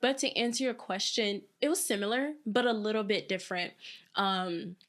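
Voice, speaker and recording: A woman's voice: medium pitch, normal speed. A young woman in her twenties, a former pro dancer, chatting casually as an interview guest and acting out what others said. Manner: chatty, animated, acts out quotes.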